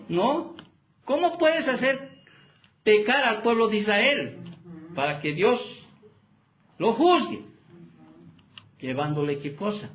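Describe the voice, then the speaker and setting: A man's voice: high-pitched, a bit bright, poor audio. A male pastor preaching a sermon in a conversational way, often checking in with his listeners and paraphrasing dialogue as he retells a story. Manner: conversational preaching, frequent tag questions.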